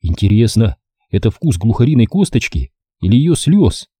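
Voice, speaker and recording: A man voicing a stubborn young girl, exhausted and cross, speaking high and petulant, read in an audiobook. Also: very animated, normal speed, mellow, slightly rough, dry recording, clean studio sound. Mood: despairing.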